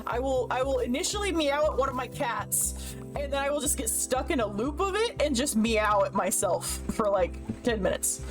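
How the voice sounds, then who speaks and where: A woman's voice: high-pitched, expressive, normal speed, over music. A woman streaming live from her desk at home, chatting in a rambling, casual way and laughing often.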